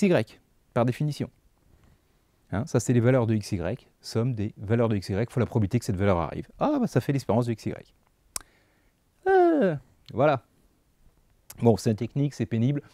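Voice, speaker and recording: A man explaining math to adult learners in a relaxed, conversational way, full of fillers and asides. His voice is mellow and warm. The recording is dry and close. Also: medium pitch, no room sound. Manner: casual, chatty, thinks aloud with fillers. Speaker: math teacher. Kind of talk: lecturing over slides.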